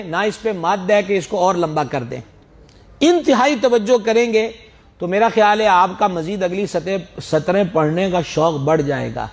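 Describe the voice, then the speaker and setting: A middle-aged man from Pakistan delivers a religious lecture in a fairly high voice. He teaches patiently, stretching out Arabic sounds to demonstrate them and pressing his point with rising questions. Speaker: Islamic preacher teaching prayer pronunciation.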